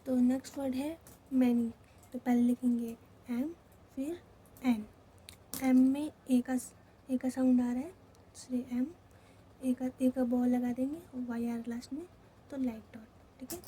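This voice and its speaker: A faint hiss or hum accompanies this woman's high, steady, dark-toned voice as she teaches shorthand with a Hindi accent. She works slowly through the lesson, repeating each step and asking "theek hai" often.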